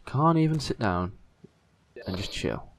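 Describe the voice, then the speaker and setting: A man hosting a gaming video, giving casual, excitable, mildly sweary commentary as he plays with a friend. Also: on the low side, a little slow, slight background noise.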